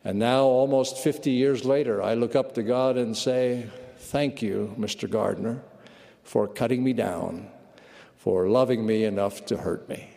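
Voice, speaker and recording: A man's voice: medium pitch, steady tone, moderate pace, few pauses, dark tone, long reverb tail, natural voice. A man quoting an earnest, firm old gardener. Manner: earnest, firm quoted storytelling. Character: firm older male gardener, later humbled.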